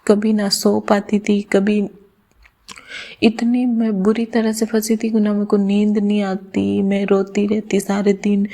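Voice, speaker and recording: A young woman vlogger telling a personal story in an earnest, halting way, with many restarts. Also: mid-range voice, dark tone. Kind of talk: personal confessional vlog.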